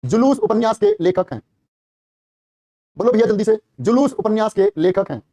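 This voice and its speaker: In a live online police-exam class, a male teacher rapidly quizzes his students, repeats whatever they answer, and showers them with warm praise, addressing them as brother and child. He speaks in a high voice with wide pitch swings, recorded without any room sound.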